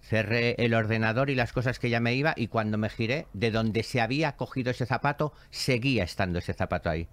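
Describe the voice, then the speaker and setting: Hombre expresivo narrando anécdotas con teatralidad. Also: male voice, mid-range voice, fairly quick, hardly any pauses. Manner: expressive, theatrical storyteller who acts out quoted voices. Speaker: show host, spiritual medium. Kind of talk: animated storytelling chat.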